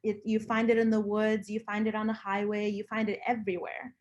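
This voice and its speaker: A woman's voice: mid-range voice, completely flat delivery, fairly quick, a little mellow, dull audio. A woman from Lithuania, speaking casually and earnestly, with emphatic repetition. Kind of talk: casual conversation about personal views.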